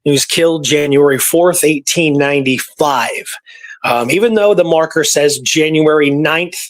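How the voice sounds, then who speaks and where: At a moderate pace and with a fairly high pitch, a man co-hosting a radio talk show spins casual tales of Old West history. His style is conversational, full of "you know" and "right," and he often checks in with the listener.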